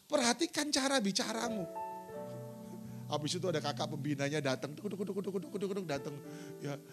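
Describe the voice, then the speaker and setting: A man's voice: sits high, lively intonation, fairly quick, over music. A middle-aged male pastor preaching a sermon in a church, telling stories and acting out quotes. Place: church sanctuary.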